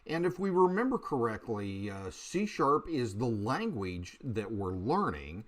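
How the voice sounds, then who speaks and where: A man teaching a beginner programming lesson over a screen recording, talking in a halting way with many fillers and restarts. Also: mid-range voice, very animated.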